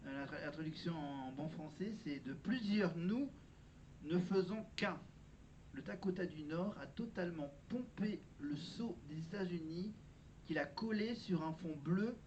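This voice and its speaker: A man's voice: fairly high pitch, unhurried, a little mellow. A man talking casually in a vlog, sharing trivia and often correcting himself as he goes. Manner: chatty, self-correcting, presents trivia. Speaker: vlogger. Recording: dull lo-fi sound with faint background noise.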